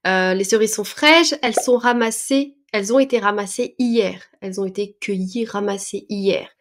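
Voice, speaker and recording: A woman teaching a French lesson, patiently explaining words and expressions step by step, with small hesitations as she goes. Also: medium pitch. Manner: patient, breaks words down slowly with fillers.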